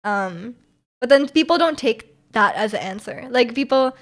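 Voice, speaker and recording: Laughter runs through this Canadian woman's easygoing stream as she reads chat messages aloud and responds. Her voice is a touch high and expressive, and "like" crops up constantly.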